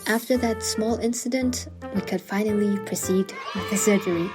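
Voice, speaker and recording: A woman with a medium-pitched voice narrates a scripted personal story at a moderate pace as a voice-over. Music sits underneath, and she punctuates the account with wry, self-deprecating and dramatic remarks.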